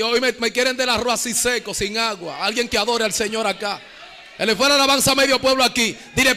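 A man preaching a fiery sermon to a church congregation, shouting in sing-song bursts and calling on the crowd to answer. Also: very high-pitched. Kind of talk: Pentecostal sermon. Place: church service.

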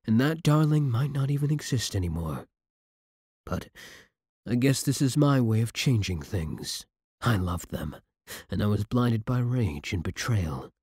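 In a scripted ASMR roleplay, a man heavily acts a possessive villain from the future, his lowish, husky, darkish voice slow and deliberate. Commanding yet lovesick, he sounds resigned and tender, recorded close and dry with no room sound.

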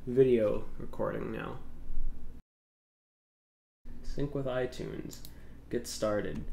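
Stuffed up with a cold, a young man casually rambles through a tech vlog as a YouTuber, filling his talk with fillers. He has a medium-pitched, dark voice, recorded in an echoey room with a little background noise.

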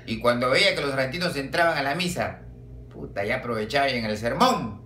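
A man with a Peruvian accent telling a joke as a stand-up comedian, swearing and jumping around in pitch. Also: a little fast, roomy sound, a little hiss or hum. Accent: Peruvian Spanish. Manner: swearing, animated storytelling with big pitch jumps.

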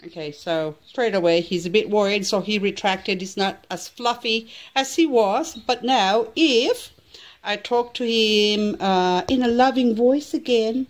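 A woman's voice: medium pitch, a little slow. A woman host talking to her pet budgie in a casual vlog, in sing-song cutesy baby talk, with a sterner tone for scolding. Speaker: pet owner and channel host.

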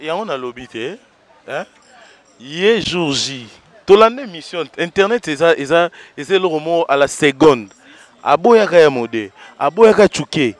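Guy interviewing, fires off quick teasing questions, voice kinda high. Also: animated. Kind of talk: casual interview chat.

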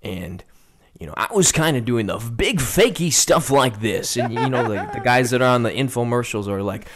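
Music plays in the background as a young sports broadcaster talks through a relaxed video call interview from his home room. His voice is medium in pitch with lively intonation at a normal speed, picked up by a studio condenser mic, and he muses thoughtfully with plenty of fillers.

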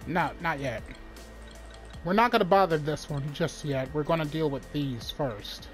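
A gamer with a mid-range voice and a nose stuffed up from a cold gives unhurried, casual let's play commentary. His voice-over plays over video game music and sounds.

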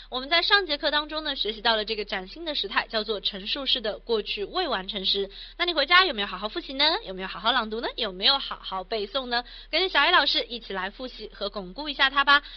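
A woman teaching a recorded language lesson, upbeat and coaxing, firing off rhetorical questions and chanting verb endings in a drawn-out singsong. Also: fairly high pitch, lo-fi sound. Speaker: Spanish teacher.

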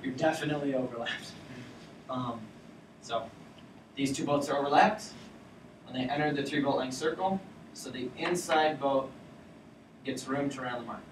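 A young man gives his college sailing team a casual talk on sailing rules, explaining loosely and leaning on fillers in an informal lecture. His voice is medium-pitched at a moderate pace, and he pauses often. The classroom has a projector screen, and a far camera at the back picks up roomy sound with background noise.

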